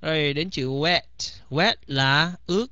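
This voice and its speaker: Slow, bright-voiced male English teacher. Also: on the high side, dry recording. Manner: slow, repeats each word several times. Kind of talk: bilingual vocabulary lesson. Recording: slightly dull, dry recording.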